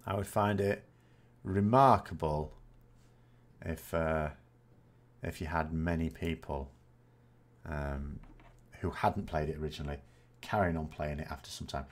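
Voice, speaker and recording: In his 40s, this gaming host answers viewer questions in a rumbling low voice, unhurried and pausing often. He chats casually and rambles, frequently correcting himself with dry self-mockery.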